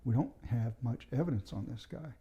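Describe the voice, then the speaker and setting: A man's voice: medium pitch, lively intonation, moderate pace, muffled recording. A former police officer, a man, tells true stories from his time on the job in a casual, plain-spoken, matter-of-fact way. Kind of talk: casual anecdotal storytelling.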